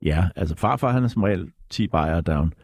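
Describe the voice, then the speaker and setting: A middle-aged man chatting casually as a guest musician, relaxed and hesitant, laughing easily. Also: low voice, dry recording, clean studio sound. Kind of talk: casual chat.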